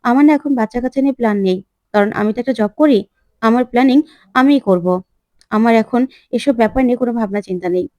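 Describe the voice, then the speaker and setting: A woman voicing a calm, protective young woman in a retold TV serial, giving soothing but firm advice. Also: a little high, quick pace, dry recording, lightly acted. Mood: reassuring.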